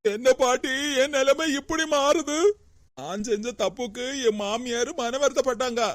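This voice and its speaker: A woman's voice: fairly high pitch, normal speed, dry recording, close to an everyday voice. A woman voicing a wronged young daughter-in-law in a cartoon, with a Kanyakumari Tamil accent and a pleading manner. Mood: aggrieved. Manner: pleading, aggrieved. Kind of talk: cartoon voice acting.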